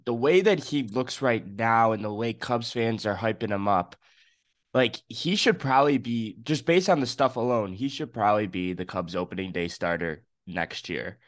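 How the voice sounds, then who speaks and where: A young man co-hosting a casual sports podcast, excited and opinionated, in his morning voice. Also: on the low side, moderate pace, no room sound, studio quality. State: just woken up, morning voice. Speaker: podcast co-host.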